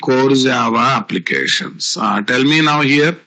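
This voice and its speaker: Bright-voiced Indian man teaching, Telugu accent. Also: mid-range voice, unhurried. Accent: South Indian, Telugu. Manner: repetitive teaching with rhetorical questions and tag words. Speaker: software instructor. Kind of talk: live online programming class.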